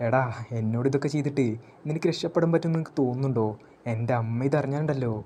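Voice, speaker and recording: A man's voice: medium pitch, rapid-fire, warm tone, slight background noise, close to an everyday voice. A man voicing a spoiled arrogant noble youth. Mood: indignant. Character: arrogant young noble boy, spoiled and boastful.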